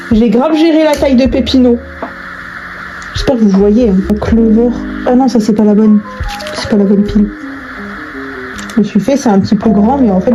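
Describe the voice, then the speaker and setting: A young adult woman with a voice on the high side chats casually while crafting, using slangy, informal language and thinking aloud. She's an online video creator, and the recording is rough.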